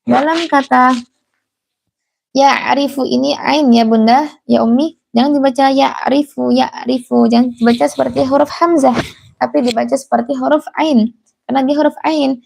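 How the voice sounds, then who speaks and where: A woman teaching Quran recitation in a live class, chanting verses slowly and then explaining patiently, repeating the mistakes to avoid. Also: sits high, steady tone, gravelly, a little mellow.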